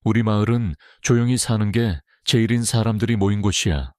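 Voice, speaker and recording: A man voicing an old village chief who speaks in a low, guarded, warning tone. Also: fairly quick, a little mellow, dry recording, studio quality, natural voice. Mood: cold warning.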